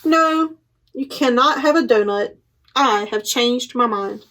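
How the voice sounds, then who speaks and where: A woman reading a storybook as a stern, grumpy panda, blunt and deliberate. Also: fairly high pitch, a bit bright. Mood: curt, grumpy. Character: stern, grumpy panda refusing to share doughnuts.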